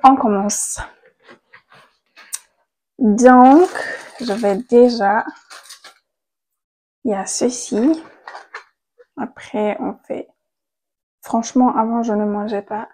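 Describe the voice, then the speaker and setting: A young woman vlogging casually into a handheld mic at home, chatty and quick to laugh, trailing off and restarting her thoughts. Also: a little high, fairly even intonation, darkish tone. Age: young adult. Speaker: content creator. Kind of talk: casual vlog chat. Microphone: handheld microphone.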